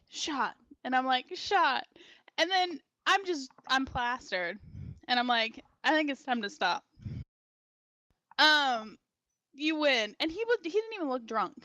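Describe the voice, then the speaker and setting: A young woman in her twenties with a high voice tells a drunken story as a podcast guest. She talks casually and with energy, swearing freely and acting out other people's lines. The sound is close and dry. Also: normal speed, no room sound. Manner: animated, swearing, laughing as she acts out quotes.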